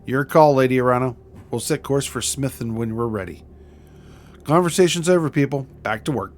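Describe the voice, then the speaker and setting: A man's voice: medium pitch, normal speed, slight background noise, natural voice. A man voicing a practical starship officer in a video game, blunt and businesslike. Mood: brisk.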